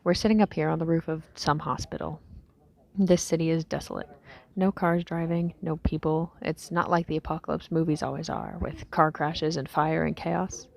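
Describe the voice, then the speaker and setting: In a scripted audio diary for a fiction drama, a woman plays a worn-out young survivor talking into a recorder. Her low, mellow, dark voice carries heavy fry, and her fairly even delivery drifts off breathily as she muses haltingly. The mood is weary and resigned.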